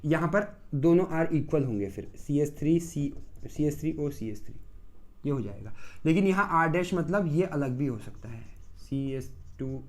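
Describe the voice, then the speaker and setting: Man teaching with loud and soft swings. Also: on the high side, expressive, moderate pace. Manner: asks the class questions and answers them himself; repeats key terms several times in a row. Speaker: pharmacy chemistry teacher. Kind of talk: recorded classroom-style lecture.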